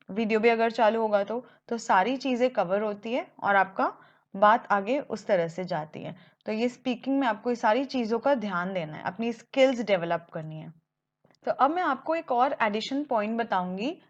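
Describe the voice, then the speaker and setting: A woman teaching as an English exam coach, explaining step by step in a measured way and slowing down to stress key points. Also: on the high side, muffled recording. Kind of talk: Hindi-English mixed lesson.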